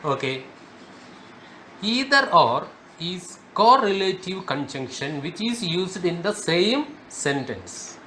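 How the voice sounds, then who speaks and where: Slow, high-voiced man teaching grammar. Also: big pitch swings, bright, forceful tone, a little hiss or hum. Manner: slow, emphatic, repeats key words. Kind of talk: spoken grammar lesson.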